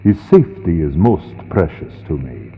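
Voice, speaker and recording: A man voicing Count Dracula as a grave, commanding, menacing aristocrat, slow and deliberate, in a gothic audiobook. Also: a bass voice, sing-song, soft background music. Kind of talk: gothic audiobook character reading. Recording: long cavernous reverb, lo-fi computer mic, noisy.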